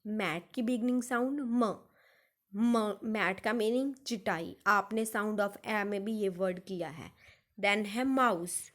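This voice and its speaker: A woman teaching young children their letter sounds, slowly sounding out and repeating each one. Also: mid-range voice, fairly bright tone. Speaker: kindergarten English teacher. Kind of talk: phonics lesson for young children.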